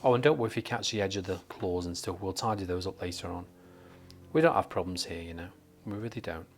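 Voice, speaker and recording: A man's voice: low-pitched, fast, a little hiss or hum. Chatty man from northern England teaching. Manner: chatty and jokey, thinking aloud while painting. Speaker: watercolour tutor. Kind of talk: live painting tutorial. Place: painting desk under studio lights.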